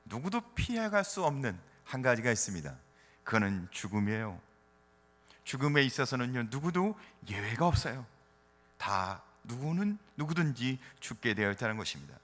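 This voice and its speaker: A middle-aged man from the Chungcheong region preaching a sermon in a church, asking the congregation rhetorical questions with gentle humor. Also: medium pitch. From Chungcheong, South Korea. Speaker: pastor. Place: church sanctuary. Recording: reverberant church hall.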